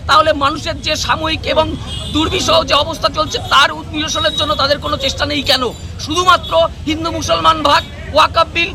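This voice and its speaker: A man's voice: very high-pitched, creaky. A man giving a political protest statement to a reporter as a youth leader. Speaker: youth organisation district leader. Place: outdoors on a road. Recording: busy street with crowd and traffic.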